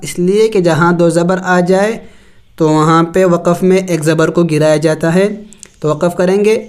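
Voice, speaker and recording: A man teaching tajweed, spelling out Arabic letters slowly and reciting, then explaining the rules. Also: high voice, steady tone, a little mellow, clean tone. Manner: slow drawn-out recitation between plain explanations.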